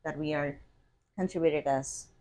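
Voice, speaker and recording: Earnest young woman, fairly low voice. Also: fairly even intonation, unhurried, darkish tone. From Venezuela. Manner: earnest, laughs often, searches for words. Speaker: podcast guest, PhD student. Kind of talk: casual interview chat.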